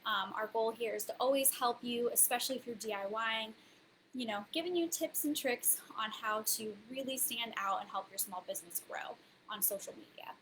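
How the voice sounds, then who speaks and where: A woman's voice: on the high side, a little fast, fairly bright tone, a little hiss or hum, rough recording. A woman hosting a casual live stream of marketing tips, chatty and bubbly with many fillers, a little out of breath. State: slightly out of breath. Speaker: host. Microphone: webcam on a social media live stream.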